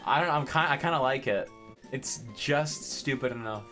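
A young man trading teasing, quick comebacks while co-streaming a video game. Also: mid-range voice, sharp tone, faint music behind. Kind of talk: casual let's play banter.

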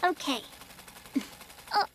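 A woman's voice: takes it slowly, fairly bright tone, a little hiss or hum, rough recording. A woman voicing an anxious, earnest teenage girl in a cartoon, rambling and flustered. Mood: suspicious, indignant. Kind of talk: animated cartoon dub acting. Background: background music.

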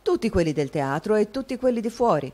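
A woman's voice: medium pitch, very animated, a little fast, dark tone, voice pushed up. A woman reading an audiobook, voicing a gossipy, meddling male actor with an insinuating, confiding tone. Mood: sly gossip.

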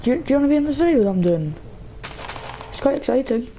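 A woman's voice: sits high, animated, fast, mellow, a little hiss or hum. Chatty jittery young woman gaming. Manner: chatty, jittery, talks to viewers and the game character. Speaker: gaming video host. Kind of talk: casual gameplay commentary. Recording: dull lo-fi mic with faint game music.

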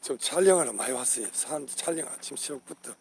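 A man's voice: mid-range voice, animated, quick pace, slight background noise. An older man walks through an outdoor flower garden, calling out the name of each flower in turn and urging his viewers on with hearty patriotic appeals. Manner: exclaims over each flower, repeating names. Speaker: channel host. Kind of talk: outdoor walking vlog.

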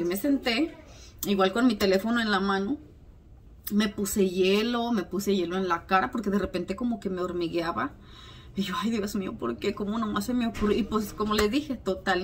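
Lady vlogging at home at night, bit hoarse, chatty, faint hiss behind her. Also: mid-range voice. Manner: chatty, self-mocking, frequent fillers. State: slightly hoarse. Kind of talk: casual chat to camera.

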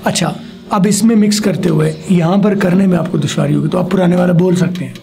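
Gravelly, mellow-voiced male teacher drilling words. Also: high-pitched, steady tone. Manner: drills words slowly for a pupil to repeat. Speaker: English teacher. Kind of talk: spoken language lesson.

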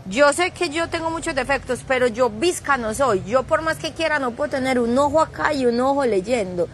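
A woman's voice: sits high, expressive, normal speed, a little hiss or hum. A woman leading a live craft tutorial, chatty and teasing, dropping playful sound effects as she works. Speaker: craft instructor streaming live.

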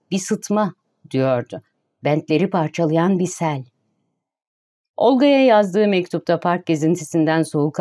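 A woman narrating a novel for an audiobook in a calm, even reading style. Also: on the low side. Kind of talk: scripted narration.

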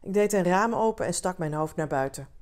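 Een vrouw die een verhaal voor volwassenen rustig en zacht voorleest als bedverhaal. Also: female voice, fairly low pitch, lively intonation. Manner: gentle, unhurried storytelling. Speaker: reader of stories for adults. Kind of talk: calm bedtime reading.

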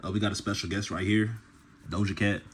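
A man's voice: lowish voice, steady tone, brisk, a little hiss or hum. A man talking casually to camera as a gear vlogger, with a laid-back, slangy delivery full of "bro" and "y'all". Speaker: gun channel vlogger.

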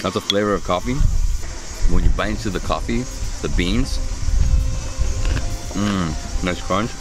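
Deep-voiced man eating and raving on camera. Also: unhurried, music in the background, low-quality recording. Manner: enthusiastic, savoring food with frequent mms. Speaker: food travel vlogger. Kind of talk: casual food vlog narration. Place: outdoor restaurant terrace under a vine pergola. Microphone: camera held at arm's length.

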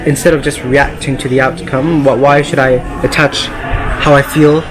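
A man's voice: mid-range voice, level tone, normal speed, over music, rough recording. A man of about twenty, laid-back and joking in a casual interview. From Singapore. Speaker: retreat participant.

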